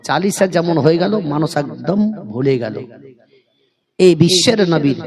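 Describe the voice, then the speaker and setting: A man preaching a sermon in a chanting, sing-song style, rising into high cries and urging the listeners to respond. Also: lively intonation, unhurried. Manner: urges the crowd to respond.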